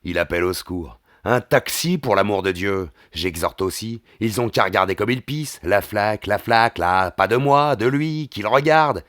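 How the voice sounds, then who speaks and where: A man narrating a literary audiobook with a lively, theatrical delivery and slangy asides. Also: lowish voice, moderate pace, few pauses, no room sound, clean studio sound.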